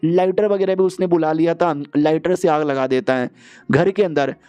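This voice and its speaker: A man's voice: a little high, steady tone, normal speed, warm tone, smooth, dull audio, soft background music. A man narrating a story recap in a casual, slangy way.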